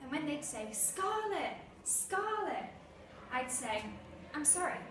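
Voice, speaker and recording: A woman performing a monologue as a bitter, defiant bullied schoolgirl, with a measured, scornful delivery. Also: high-pitched, sing-song, exaggerated voice. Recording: echoey room, far mic, noisy.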